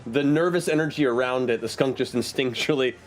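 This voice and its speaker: A man's voice: mid-range voice, fairly quick, very noisy. A man running a tabletop game, narrating the action with frequent laughter. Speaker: game master.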